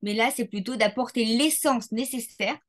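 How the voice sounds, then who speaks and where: A woman's voice: a little high, normal speed. A woman, a neuroscientist guest on a podcast, explaining science in a methodical, teacherly way with frequent hesitations. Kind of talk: explanatory interview talk.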